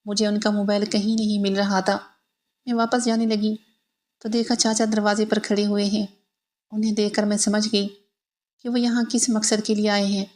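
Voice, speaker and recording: A woman narrating a scripted first-person story in an even, steady reading. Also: mid-range voice.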